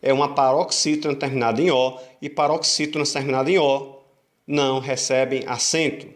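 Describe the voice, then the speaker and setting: A male teacher giving an online grammar lesson, patiently repeating rules, asking rhetorical questions and drawing out syllables slowly to show stress. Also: medium pitch, fairly even intonation. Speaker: Portuguese teacher.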